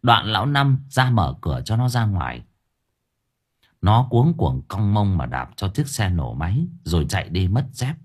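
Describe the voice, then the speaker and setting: A man narrating an audiobook story in expressive storytelling style. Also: lowish voice, normal speed, breathy edge.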